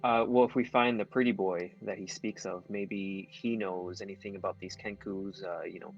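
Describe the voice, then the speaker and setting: A man in a tabletop game talks hesitantly, full of fillers. His voice sits low, and faint music runs behind. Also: steady tone, moderate pace, gravelly, muffled recording. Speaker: player.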